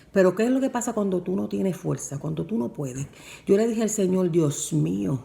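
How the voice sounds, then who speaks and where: A woman's voice: mid-range voice, creaky. A woman preaching a sermon and telling her own testimony, with emphatic repeated phrases and fervent delivery. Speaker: preacher and worship singer.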